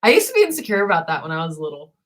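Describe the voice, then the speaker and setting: A woman with a naturally deep, low voice chatting casually on a livestream, halting and peppered with "like". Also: wildly swooping pitch. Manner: halting and searching, peppered with 'like'. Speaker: livestream co-host.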